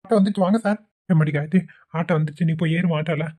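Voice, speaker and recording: A woman voicing a middle-aged man in a cartoon, who talks fast and reassures. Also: deep voice, dark tone, no room sound. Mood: hurried. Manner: reassuring, quick talking. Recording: dull, dry home recording.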